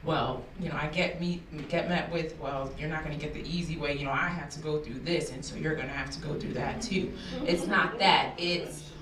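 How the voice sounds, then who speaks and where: A woman's voice: low-pitched, fairly even intonation, moderate pace, few pauses, crowd noise. A woman in the audience earnestly asking the panel a question. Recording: echoey room, distant.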